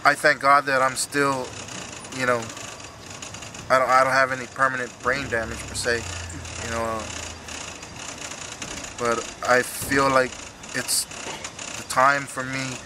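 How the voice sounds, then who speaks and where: A man in his thirties speaking emotionally and haltingly in an earnest, unscripted post-fight interview as a retiring fighter. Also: medium pitch, flat delivery, noisy background. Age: 30s. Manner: halting, earnest, repeats himself.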